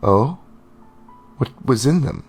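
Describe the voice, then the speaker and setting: A man voicing an arrogant male wizard in his sixties who speaks in a lofty, measured tone. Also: mid-range voice, animated, slightly rough, faint music behind, voice pushed up. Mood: guarded.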